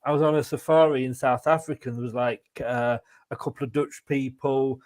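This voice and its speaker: A middle-aged Englishman hosts a casual interview for a fan channel, speaking briskly in a mid-range, slightly mellow voice with fairly even intonation. His questions are chatty and rambling, with chuckles between phrases.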